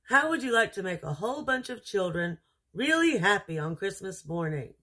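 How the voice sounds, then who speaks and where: A woman's voice: medium pitch, big pitch swings, normal speed, sharp tone, slightly rough, heavily acted. A woman voicing a jolly, kindly old man in a storybook reading, hearty and reassuring. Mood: encouraging.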